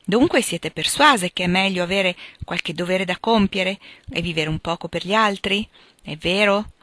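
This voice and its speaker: A woman voicing a gentle, wise mother who speaks in a patient, instructive tone, in a dry recording. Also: on the low side, normal speed, dry recording, natural voice.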